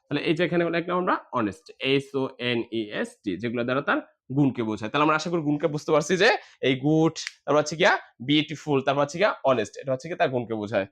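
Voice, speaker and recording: A man's voice: fairly high pitch, lively intonation, very fast. A man teaching grammar to a class, spelling words out letter by letter and answering his own questions.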